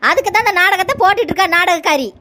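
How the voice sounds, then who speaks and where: A woman's voice: extremely high pitch, animated, rapid-fire, sharp tone, heavily acted. A woman with a Kanyakumari Tamil accent voicing a gossiping young sister-in-law who tattles and mocks. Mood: tattling. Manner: tattling, mocking.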